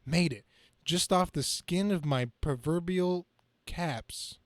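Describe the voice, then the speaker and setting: A young comic-book superhero as a man reads him out, with a fairly high male voice. He quips and describes his own action dramatically, like a student who jokes through danger. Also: slow, dry recording. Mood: strained. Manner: quippy, dramatic self-narration.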